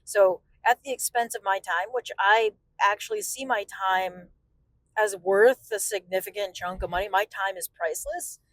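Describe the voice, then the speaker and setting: A woman's voice: medium pitch, steady tone, moderate pace, no echo, rough recording. Exasperated woman on a casual rant, dry sound. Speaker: vlogger. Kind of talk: casual spoken rant about a consumer complaint.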